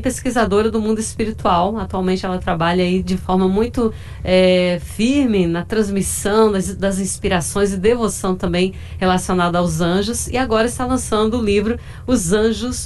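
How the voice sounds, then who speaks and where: A woman hosting a live radio interview in a studio, friendly and quick to affirm her guest. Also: mid-range voice, darkish tone, slight background noise. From northeastern Brazil. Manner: friendly, frequent affirming backchannels. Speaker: radio host.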